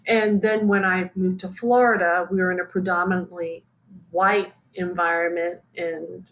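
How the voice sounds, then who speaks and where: A woman's voice: lowish voice, little pitch movement, a bit bright, low-quality recording. A woman in her late forties, an activist and writer, speaking thoughtfully as an interview guest. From United States. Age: 40s. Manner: thoughtful, measured, with fillers. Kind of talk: interview conversation.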